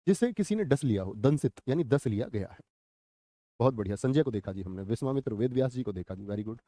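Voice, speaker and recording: A man's voice: mid-range voice, lively intonation, brisk, warm tone, no room sound. A young man teaching exam vocabulary in a live online class, quizzing viewers and repeating each answer.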